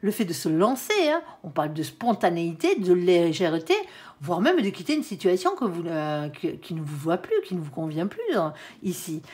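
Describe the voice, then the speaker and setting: A woman's voice: lowish voice, big pitch swings, normal speed, a little mellow. A woman giving a tarot reading to viewers, chatty and reassuring, with frequent "hein" tags and the odd stumble over her words. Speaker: tarot card reader.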